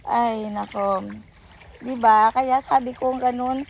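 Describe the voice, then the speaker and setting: Slowly and in a steady tone, a woman with a fairly high voice and a Filipino accent chats by a river while vlogging, with a little hiss or hum in the audio. She rambles casually in mixed English and Tagalog, leaning on fillers and self-corrections.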